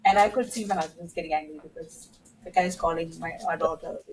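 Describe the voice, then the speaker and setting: A woman's voice: sits low, steady tone, fairly quick, a crowd in the background, low-quality recording. A woman in her thirties, a podcast guest from India, telling a story in casual conversation and laughing now and then.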